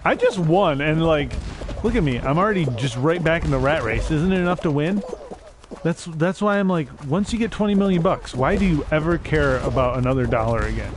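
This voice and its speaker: A man's voice: on the high side, lively intonation, brisk. A young man streaming a game, rambling and mocking himself, now and then breaking into silly made-up songs. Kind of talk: casual gaming stream chatter. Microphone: desk mic.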